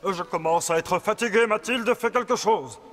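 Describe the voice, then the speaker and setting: A man with a high-pitched, slightly bright voice plays a stern, weary king and father in a children's fairy-tale cartoon, sounding formal and commanding at a normal pace. The recording has long reverb and faint background music.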